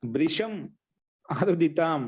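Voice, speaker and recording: A man leads an online Sanskrit grammar class, his voice pitched a little above the usual for a man. He repeats every phrase slowly and patiently so his students can copy it down. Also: expressive, husky. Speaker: Sanskrit teacher.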